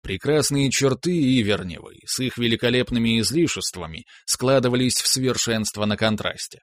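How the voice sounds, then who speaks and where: A man reading a first-person story aloud in a measured, wry storytelling manner. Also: mid-range voice, no echo. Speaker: audiobook narrator. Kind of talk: scripted first-person narration.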